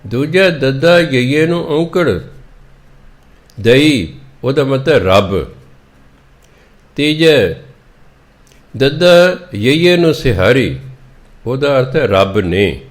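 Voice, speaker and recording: A man preaching on scripture, going verse by verse and spelling out words letter by letter in a deliberate, instructive way. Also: mid-range voice. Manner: deliberate, instructive tone with gentle appeals to listeners. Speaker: Sikh preacher explaining scripture. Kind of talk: slow scripture exposition.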